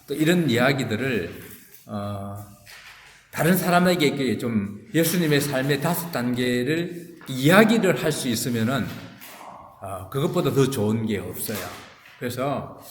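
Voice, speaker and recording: A man as a pastor leading a casual Bible study, relaxed and rambling with many fillers and restarts. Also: medium pitch, unhurried, slight background noise. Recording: echoey room with long reverb.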